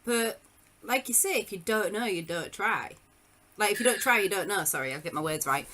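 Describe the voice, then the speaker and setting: A woman's voice: medium pitch, animated, brisk, sharp tone. A woman hosting a podcast in a casual chat, informal and self-deprecating. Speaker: podcast host.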